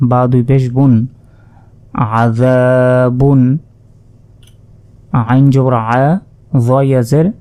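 A man teaching word-by-word Quran reading, spelling out each letter and vowel mark before slowly joining them into the recited word. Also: medium pitch, little pitch movement, dark tone. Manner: slow, drawn-out recitation of joined words.

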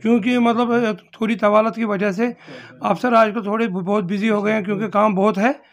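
A man's voice: sits high, fairly even intonation, moderate pace. A middle-aged man, a forest official, answering interview questions in his office into a handheld mic, hesitant and defensive with many fillers. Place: indoor office. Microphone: handheld mic held in front.

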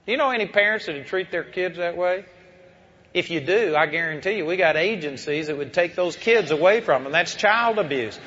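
A man's voice: high voice, bright, forceful tone, husky, muffled recording. A man preaching a sermon to a live audience, telling a story with emphatic, rising delivery. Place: church before a live audience.

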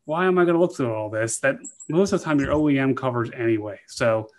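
A man in his thirties who hosts a casual video-call interview, talking animatedly and emphatically into a boom-arm microphone in a small room. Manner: animated, emphatic, quick asides. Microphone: boom-arm studio microphone.

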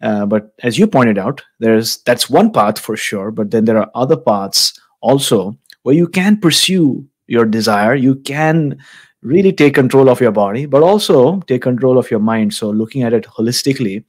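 A man in his thirties hosting a podcast interview, speaking in a thoughtful, measured, affirming way into a studio mic in a small room. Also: medium pitch, lively intonation. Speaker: podcast host. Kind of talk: casual interview. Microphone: studio mic with headphones.

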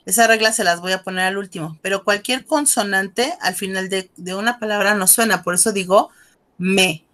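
A woman's voice: medium pitch, normal speed, a bit bright. Friendly teacher woman. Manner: friendly, coaxing, switches between Spanish and French. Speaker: French teacher. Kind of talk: online class teaching. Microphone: video call.

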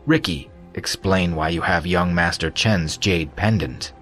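A man's voice: low voice, unhurried, fairly bright tone, faint music behind. A man playing a stern senior deacon. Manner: stern, scornful.

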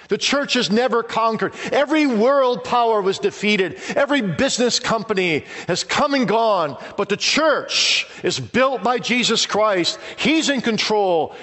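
Earnest preacher in a reverberant hall. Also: male voice, a little high, a bit bright. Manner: earnest preaching with rising emphasis. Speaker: pastor. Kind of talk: sermon.

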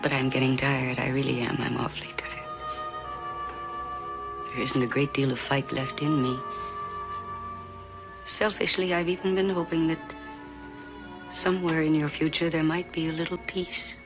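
A woman's voice: sits low, little pitch movement, normal speed, pauses often, music in the background, poor audio. An actress playing a middle-aged genteel mother in a TV western, coaxing and pushy as she steers her daughter. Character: ambitious genteel mother, controlling and weary. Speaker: scheming mother. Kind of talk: 1960s TV western acting.

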